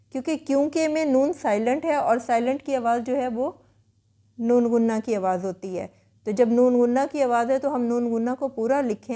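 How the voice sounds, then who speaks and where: Woman teacher, patient and explanatory, with a somewhat high, mellow voice. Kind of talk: explaining spelling rules.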